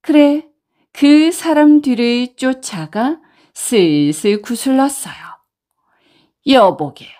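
Slow, gentle woman telling a folktale. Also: a little high, expressive. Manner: slow, gentle storytelling with voiced characters. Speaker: storyteller. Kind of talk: bedtime folktale narration.

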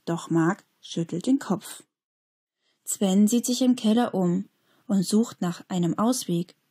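A woman reading a children's story aloud, calm and expressive. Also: medium pitch, slow pace, breathy edge.

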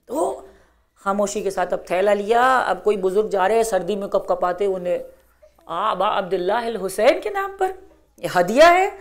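A woman's voice: mid-range voice, expressive. A middle-aged woman giving an earnest religious talk to a women's gathering, exhorting and repeating phrases for emphasis.

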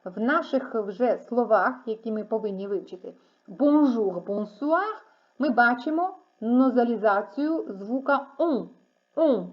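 A woman's voice: a little high, normal speed, few pauses. A woman teaching French, explaining patiently and repeating each word so students can follow. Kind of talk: online language lesson. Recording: dull lo-fi sound.

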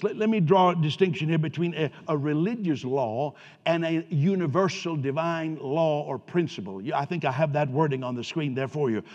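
A man's voice: fairly high pitch, in a large hall. Male pastor, emphatic sermon delivery, dull distant church sound. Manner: conversational preaching that rises to loud emphatic peaks. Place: church sanctuary.

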